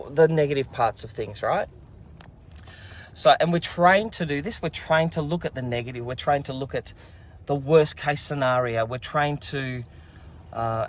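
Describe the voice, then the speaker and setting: His voice slightly high, a man talks casually to camera as host of a kids' learning show. He rambles a bit but stays upbeat and encouraging.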